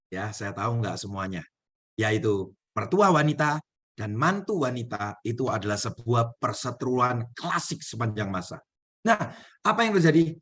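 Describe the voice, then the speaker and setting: A man's voice: medium pitch, fairly bright tone. A man giving a motivational talk on a video call, telling a story and asking the audience direct questions. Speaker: motivational speaker.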